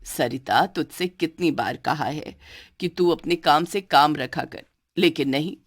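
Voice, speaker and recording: Low-voiced domineering mother-in-law for a cartoon, done by a woman. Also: measured pace. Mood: scolding. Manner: commanding, scolding. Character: older mother-in-law, bossy, favors new bride. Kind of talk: cartoon voice acting.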